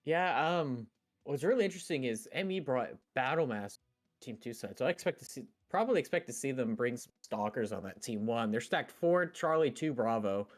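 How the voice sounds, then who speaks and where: A man's voice: medium pitch, lively intonation, fairly quick, soft background music. A man giving casual, analytical commentary on a live game match as a co-caster.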